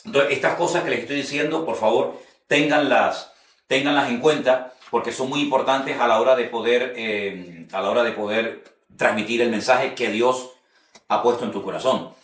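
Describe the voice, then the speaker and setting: A male preacher gives an earnest teaching talk and often repeats a phrase to press a point home. His voice sits at a middle pitch. It carries a roomy echo, as if he stands some way from the mic. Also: moderate pace, far from the mic. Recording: roomy echo, speaker set back from the mic.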